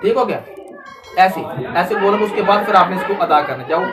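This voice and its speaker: A woman's voice: medium pitch, fairly quick, crowd noise. A woman teaching Quran recitation to a child, patient and repetitive, stretching out sounds to demonstrate them. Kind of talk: tajweed lesson with a child pupil. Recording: distant mic with steady background noise.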